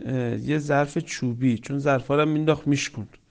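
A man preaching a sermon with stories, swinging between loud emphatic lines and soft hushed ones, reciting Quranic verses. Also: mid-range voice, steady tone. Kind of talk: religious sermon with storytelling.

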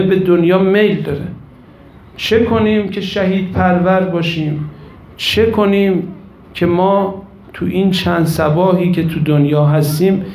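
A man's voice: a little high, a little mellow, a little hiss or hum. A man preaching a religious sermon, telling a mourning story with passion and speaking directly to the women in his audience. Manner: impassioned storytelling, addresses women listeners directly. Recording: echoey room with faint ambience.

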